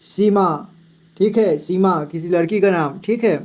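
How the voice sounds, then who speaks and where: A man's voice: high voice, measured pace, a little mellow. A man teaching children to read Hindi words, spelling each word out letter by letter and often saying "ठीक है". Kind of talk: slow, patient reading lesson.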